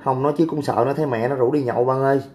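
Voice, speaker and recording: This is a young man, running a livestream and answering comments. He talks in a brash, crude, dismissive way, and his voice sounds dark and mellow. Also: mid-range voice, steady tone, rapid-fire, a little hiss or hum. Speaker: livestream host. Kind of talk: casual livestream chat reading comments.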